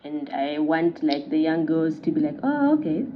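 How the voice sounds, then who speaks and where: A woman's voice: low voice, very animated, normal speed. A woman interviewer asking long questions and affirming answers with many listening sounds. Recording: dull lo-fi sound with faint noise.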